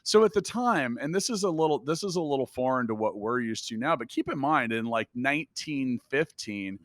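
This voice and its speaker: A man's voice: medium pitch, brisk, no room sound, clean studio sound. Emphatic, profane man on a podcast. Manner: emphatic and profane, animated asides. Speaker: podcast co-host. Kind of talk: casual podcast discussion.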